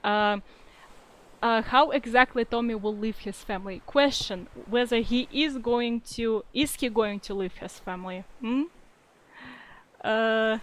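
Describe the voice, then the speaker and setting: A young woman with a Russian-influenced accent, a fanfiction writer, answers reader questions in a casual livestream, reading comments aloud and speaking hesitantly with many fillers and restarts. Her voice is fairly high with a clean tone, but the recording is low quality.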